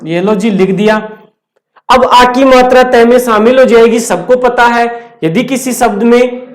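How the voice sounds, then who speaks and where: Slow, patient male grammar teacher. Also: very high-pitched. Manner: slow, step-by-step, repetitive explaining with questions to the class. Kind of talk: classroom lecture at a board. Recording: echoey room.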